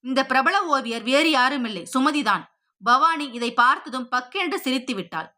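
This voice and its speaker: Woman reading a story aloud, high voice, steady and expressive. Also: normal speed. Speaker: audiobook narrator. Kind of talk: scripted story narration.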